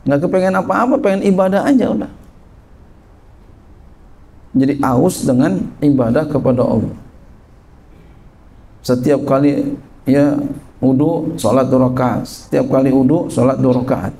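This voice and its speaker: Middle-aged male religious teacher, mellow gravelly voice, explaining a kitab in casual, animated talk. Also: medium pitch, measured pace, pauses often, slight background noise. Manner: reads Arabic text then explains it in lively colloquial speech. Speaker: Islamic teacher. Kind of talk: kitab study lesson.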